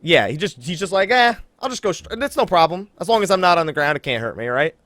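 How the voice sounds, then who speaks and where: On a casual gaming podcast, the male host speaks fast in a fairly high, slightly bright voice with big pitch swings, recorded dry. He hypes things up emphatically while speaking directly to his audience.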